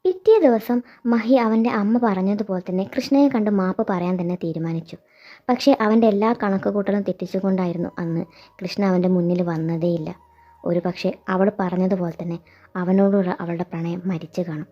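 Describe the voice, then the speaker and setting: A woman narrating a fan fiction story in a steady, reflective way. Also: lowish voice, a little fast. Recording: dull lo-fi sound. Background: background music.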